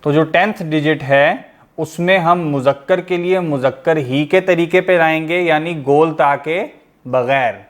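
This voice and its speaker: Man teaching a grammar class online. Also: a little high. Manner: explanatory, poses questions to the class then answers them.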